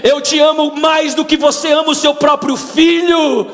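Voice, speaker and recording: A man voicing God as a loving, commanding father who speaks in loud, slow, emphatic declarations in a reverberant church. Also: extremely high pitch, fairly even intonation, faint music behind, pitched above the performer's own voice. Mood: tender commanding. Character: loving divine father, commanding yet tender.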